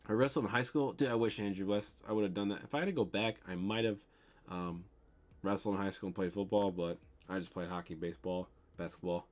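A brisk, deep, steady-toned voice belongs to a young Midwestern toy unboxing livestream host. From his bedroom he chats loosely in a Midwestern American accent, replying to viewer comments with plenty of ums and some casual swearing.

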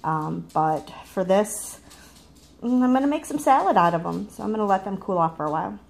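A woman who runs a farm vlog talks her way through a cooking demo in her home kitchen, recorded on a phone she holds, wandering off topic and fixing her own mistakes. She speaks briskly in a gravelly, medium-pitched voice with lively intonation.

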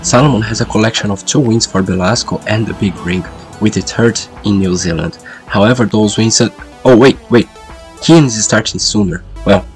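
Male race commentator, lowish pitch, sick and stuffed-up duck voice, qualifying coverage over music. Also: normal speed. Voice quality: congested, sick-sounding "duck voice". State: sick with a lingering cold. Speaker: sim racing commentator and host. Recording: music behind the voice. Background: background music.

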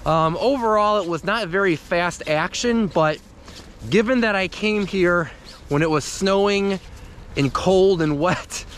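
A young man fishing from a wintry, snowy riverbank talks casually into a camera held close or worn on his body, thinking out loud about each catch as a fishing vlogger. His high voice is unhurried and a bit bright, with slight background noise.

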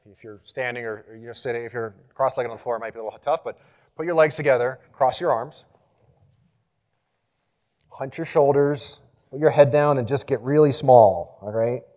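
Man, mid-pitched, conference presenter, animated, energetic, loud when rallying the audience. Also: normal speed. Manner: energetic, engaging, leads audience exercises; animated, gets louder when rallying the room. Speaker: conference speaker. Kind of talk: live conference talk.

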